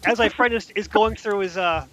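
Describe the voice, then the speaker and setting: A man's voice: sits high, brisk, a crowd in the background. A man in casual podcast chat, telling rambling anecdotes full of restarts. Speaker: podcast host.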